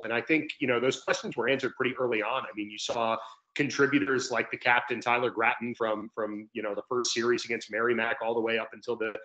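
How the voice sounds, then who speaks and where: A young adult man offers conversational sports analysis as a guest announcer from an indoor room on a video call. His mid-range voice is a bit bright, and the call microphone gives dull, slightly lo-fi audio.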